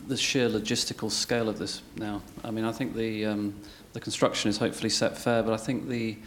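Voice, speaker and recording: A man's voice: fairly low pitch, flat delivery, brisk, a bit bright, a little hiss or hum. A man giving spontaneous panel remarks, earnest and searching for his words. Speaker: panel speaker.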